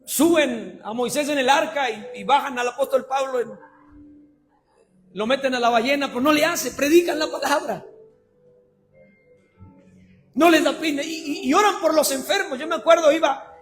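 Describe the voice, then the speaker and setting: A Mexican man preaching a sermon as pastor, shifting between shouted calls and quiet, chatty asides to the congregation. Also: very high-pitched. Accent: Mexican Spanish. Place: church.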